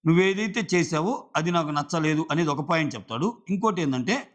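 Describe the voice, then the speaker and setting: A man with a high voice and a Telugu accent talks through a TV episode in casual review commentary. He argues his points, paraphrasing what others said and tossing out rhetorical questions. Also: lively intonation, fairly quick. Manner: argumentative, asks rhetorical questions, paraphrases contestants' quotes. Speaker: reality show reviewer.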